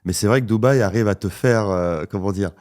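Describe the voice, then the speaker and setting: A man's voice: on the low side, fairly quick, a little mellow. A man co-hosting a casual podcast conversation, agreeable and hesitant, full of fillers and repeated words. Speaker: podcast co-host.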